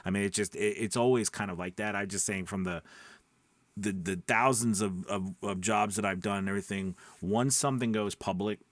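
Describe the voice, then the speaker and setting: This voice-over coach, who hosts his own channel, speaks at normal speed in a fairly low, steady voice, recorded dry. Chatting casually to camera, he stresses his points and keeps checking with rhetorical questions that viewers understand.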